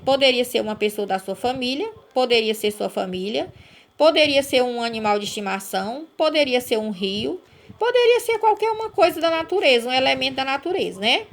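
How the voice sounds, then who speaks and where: A woman's voice: high-pitched, fairly bright tone. A woman teacher giving a recorded lesson to young pupils, explaining step by step and checking in with "right?" as she goes. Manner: patient, explains step by step, asks "certo?" and "né?" to check.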